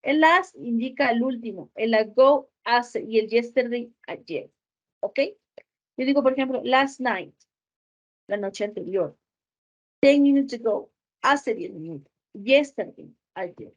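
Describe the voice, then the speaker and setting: A woman teaching an English grammar lesson, explaining step by step and often checking with a quick "ok?". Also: on the high side, slightly rough, dull audio. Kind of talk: recorded school lesson.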